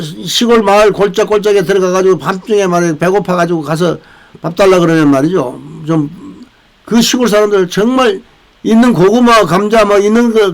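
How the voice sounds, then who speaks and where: On a low-quality recording, an older man from South Korea, host of a veterans' channel, wanders through political commentary with many restarts and tag questions, his voice sitting high.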